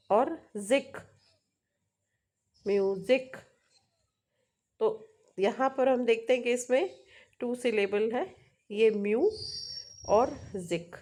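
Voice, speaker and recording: A woman with an Indian accent teaching English, mixing in Hindi and drawing out example words slowly, often checking in with the viewer. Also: a little high. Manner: slow, drawn-out pronunciation of example words; frequent "है ना?" check-ins to the viewer. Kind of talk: Hindi-English mixed lesson on syllables.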